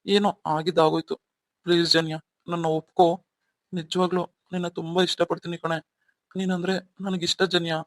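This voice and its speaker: A man as a remorseful young cartoon husband, coaxing, pleading, fairly high voice, dry close sound. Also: flat delivery, fairly quick, dry recording, lightly acted. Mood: earnest. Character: remorseful young husband, wooing his wife. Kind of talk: cartoon story voice acting.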